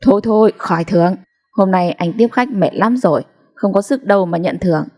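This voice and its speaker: A woman's voice: medium pitch, brisk, darkish tone, close to an everyday voice. Woman doing a tired, evasive husband. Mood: weary. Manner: weary, brushing off.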